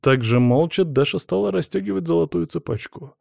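A man narrating a novel in an even, measured reading. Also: fairly high pitch, vocal fry, no room sound, studio quality. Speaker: audiobook narrator. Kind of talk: scripted narration.

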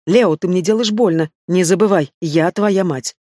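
A man's voice: high voice, normal speed, darkish tone, no room sound, natural voice. A man voicing a proud, stubborn old she-wolf, a mother, in an audiobook. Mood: defiant. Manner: defiant, hissing.

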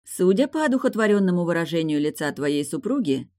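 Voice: medium pitch, sing-song, fairly quick, dark tone, no echo, clean studio sound, natural voice. A reader voicing a witty sister with a mocking tone. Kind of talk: audiobook dialogue.

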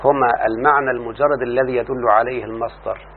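A man with an Egyptian accent teaching a classroom lesson, explaining slowly and often checking that his students follow. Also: medium pitch, steady tone. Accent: Egyptian Arabic. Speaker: teacher of Arabic morphology. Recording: tinny lo-fi line with faint hum.

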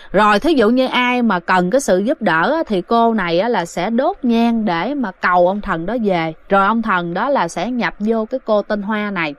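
A woman's voice: fairly high pitch, fairly bright tone, no echo. A woman casually telling a ghost story, chatting directly to her listeners. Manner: chatty, addresses listeners directly, many fillers.

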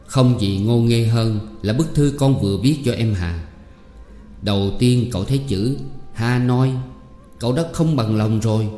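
An earnest middle-aged father , read by a man, lays out his point one measured sentence after another. The tone is mellow and rounded. It rings in a reverberant hall with faint music underneath. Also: lowish voice, close to an everyday voice.

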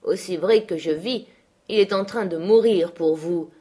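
A woman's voice: on the low side, measured pace, warm tone, breathy edge. Woman reading a scornful, menacing man. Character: harsh brooding man, mocking and menacing. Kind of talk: audiobook character voice.

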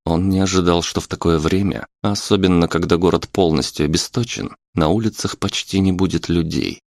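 A man narrating an audiobook in a steady, even reading voice. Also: low-pitched, a little fast, no room sound, clean studio sound. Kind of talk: scripted narration.

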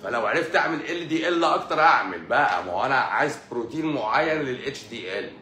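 A man with an Egyptian Arabic accent giving an explanatory talk on a live stream. He repeats key words as questions and greets viewers in quick asides. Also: medium pitch, animated, sharp tone. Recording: echoey room with faint music.

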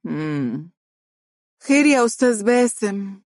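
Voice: mid-range voice, very fast, darkish tone, no echo, clean studio sound, close to an everyday voice. A narrator voicing a scheming, haughty young woman lawyer in Egyptian Arabic for an audiobook. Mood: curt. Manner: smooth, confident, haughty.

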